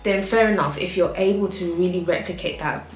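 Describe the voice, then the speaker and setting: A woman's voice: lowish voice, brisk, roomy sound, loud music behind the voice. A woman with an African accent giving frank, chatty home decor advice in a casual vlog, laughing often.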